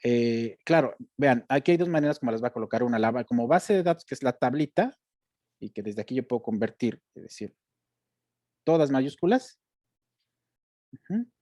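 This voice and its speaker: A man's voice: mid-range voice, expressive, moderate pace, pauses often, a little mellow, dry recording, clean studio sound. A man, teaching a step-by-step screen-share lesson and checking in with his students as he goes. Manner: explanatory, addressing students directly with check-in questions. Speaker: instructor. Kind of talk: screen-share tutorial lecture.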